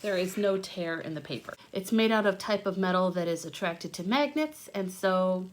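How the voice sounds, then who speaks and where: In a homemade video with noticeable background noise, a children's teacher reads aloud and demonstrates a hands-on lesson. Her voice is lowish and her speed normal, and she talks through each step simply as she thinks aloud.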